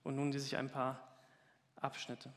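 A man's voice: mid-range voice, completely flat delivery, unhurried, big-room sound. A man reading a story aloud with dramatic emphasis during a talk.

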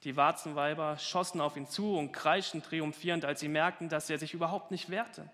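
A man's voice: a little high, steady tone, a little fast, fairly bright tone, long reverb tail. A man reading a story aloud with dramatic emphasis during a talk.

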